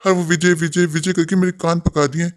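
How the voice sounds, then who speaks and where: In a cartoon, a man plays a rude, impatient grown son who talks down to his father. His speech is quick and flat-toned, with a dismissive, scolding edge. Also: fairly high pitch, lightly acted. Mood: scornful. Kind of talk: animated cartoon voice acting.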